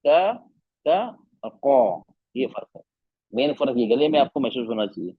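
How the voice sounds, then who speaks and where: A man's voice: medium pitch, animated, normal speed, breathy edge, dry recording, phone-quality sound. A man teaching a Quran recitation class online, patiently repeating letter sounds to demonstrate them.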